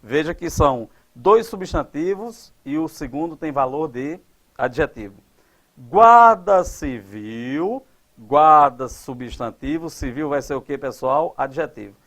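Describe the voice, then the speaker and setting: Brazilian guy teaching grammar, kinda high voice, asks the class stuff then answers it himself. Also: animated, fairly bright tone. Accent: Brazilian Portuguese. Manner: didactic, asks the class questions and answers them; stretches out example words slowly. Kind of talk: grammar lesson at a board.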